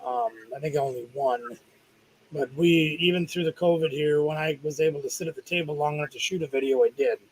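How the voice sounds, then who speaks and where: A man's voice: a little high, brisk, slight background noise, poor audio. A middle-aged man co-hosting a live stream, chatting casually with an easygoing, joking manner. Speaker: co-host.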